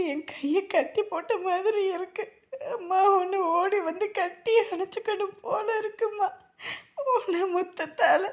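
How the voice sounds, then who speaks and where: An actress playing a sorrowful young wife in a TV serial, speaking in a plaintive, pleading way. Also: female voice, very high-pitched, a little mellow. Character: sorrowful young wife longing for her estranged mother. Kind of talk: TV serial acting.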